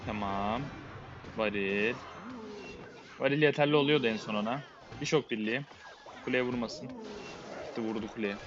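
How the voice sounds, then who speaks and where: A man's voice: medium pitch, moderate pace, long pauses, lo-fi sound, background noise. A man giving a live, muttered running play-by-play while he plays a game, often exasperated. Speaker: game streamer. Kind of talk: live gameplay commentary.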